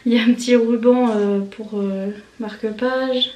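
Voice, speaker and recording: A woman's voice: on the high side, steady tone, unhurried, mellow, reverberant. A young woman chatting to camera at her desk at home, rambling and giggly, with lots of fillers. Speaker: vlogger. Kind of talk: casual chat to camera.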